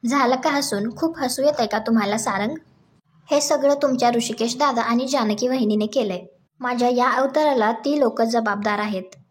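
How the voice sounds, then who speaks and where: A woman's voice: a little high, normal speed, natural voice. A woman voicing an angry, vengeful young wife in a plain reading voice, scolding and threatening.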